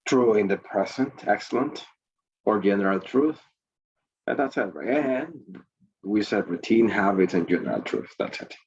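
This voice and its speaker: A man's voice: fairly low pitch, very animated, normal speed, a little mellow, breathy edge, highs cut off. A male English teacher running an online class, repeating points and prompting students with questions over a video call.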